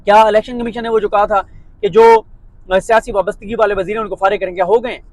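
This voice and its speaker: Sarcastic high-voiced man. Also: steady tone, fast talker, darkish tone, no echo, poor audio. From Pakistan. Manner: sarcastic, mocking. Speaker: political commentator. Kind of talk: monologue of political commentary.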